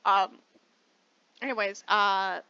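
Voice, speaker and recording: A woman's voice: medium pitch, steady tone, takes it slowly, sharp tone, clean tone, muffled recording. A woman co-hosting a podcast in casual chat, talkative and teasing as she tells stories. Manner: chatty, storytelling, teasing. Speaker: podcast co-host.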